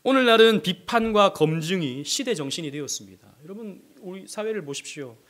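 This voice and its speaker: A male pastor preaching a sermon with passion, asking the congregation rhetorical questions and swinging between loud outbursts and hushed asides. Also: high-pitched, expressive, brisk.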